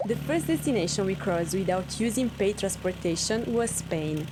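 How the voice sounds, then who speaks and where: A woman, narrating a travel vlog voice-over in an earnest, steady way. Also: mid-range voice, normal speed, very noisy. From Italy. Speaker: travel vlogger. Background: music.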